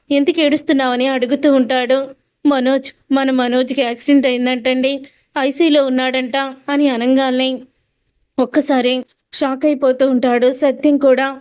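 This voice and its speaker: A woman's voice: high-pitched, a little mellow, smooth. A woman retelling a TV serial episode, narrating the story and reading out each character's lines in quotes. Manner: recounts dialogue in quotes with frequent "ani antu untundi" tags.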